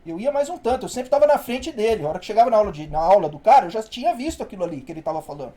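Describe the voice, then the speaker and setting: A man's voice: sits high, racing. A male university professor telling a classroom story in casual, slangy speech, acting out what people said. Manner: slangy, animated storytelling with acted-out quotes. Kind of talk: casual anecdote told in class.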